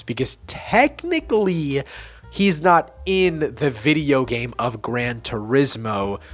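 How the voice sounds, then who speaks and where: A young man with a medium-pitched voice ranks movies in casual, opinionated commentary. As a reviewer he's enthusiastic and blunt, restarting often and swearing casually.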